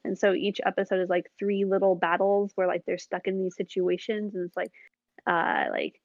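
A woman co-hosting a casual chat, talking chattily and getting animated when she describes the shows she watches. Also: mid-range voice, normal speed, dry recording, dull audio.

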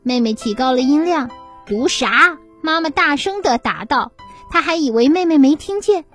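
A woman hosting a children's essay show, reading a pupil's story aloud in an animated, expressive way. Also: sits high, normal speed, soft background music. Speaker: children's essay reader and host.

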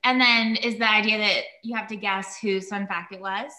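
A woman chats on a podcast with a bright, forceful tone and a slightly high pitch. She laughs often and answers in short bursts. Her voice carries an echo from the room. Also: fairly even intonation, moderate pace. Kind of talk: casual podcast chat.

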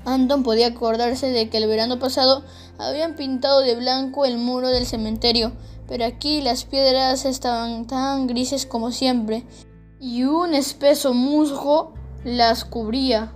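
Woman reading a kids story, high voice, calm and steady, faint music under it. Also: measured pace. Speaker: narrator. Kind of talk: children's audiobook narration.

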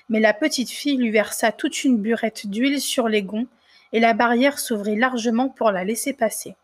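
A woman reading a fairy tale aloud in a measured, expressive storytelling manner. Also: fairly high pitch.

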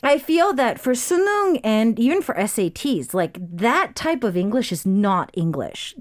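A woman hosting a radio interview, chatty and animated with many fillers. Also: fairly high pitch, unhurried. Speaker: radio show host.

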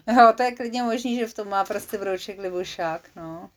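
A young mother spinning a bedtime tale for her child in a soft, unhurried voice. She narrates casually, with small slips and fillers left in. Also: medium pitch. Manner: gentle, relaxed, unedited storytelling with small slips. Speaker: mother telling a bedtime story. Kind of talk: storytelling to a child.

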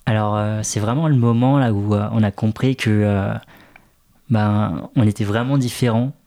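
A man's voice: on the low side, fairly even intonation, normal speed, dark tone. A man who grew up in France, talking in an interview, hesitant with many fillers. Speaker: interview guest, café co-founder. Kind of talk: casual interview talk.

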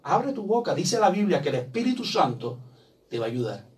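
A man's voice: high voice, very animated, a little fast, darkish tone, recorded from a distance. A man preaching a sermon as pastor in a church, pressing his points with emphasis and acting out the voices of the people he quotes.

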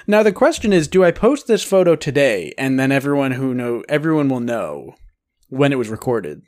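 Animated man in teasing podcast banter. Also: mid-range voice, normal speed. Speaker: podcast co-host. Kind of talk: casual chat.

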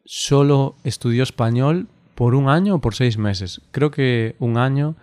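A man from Spain co-hosting a podcast in casual, unscripted conversation, relaxed and chatty with frequent laughs and hesitant fillers. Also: mid-range voice, unhurried, smooth, no room sound, clean studio sound. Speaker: podcast co-host.

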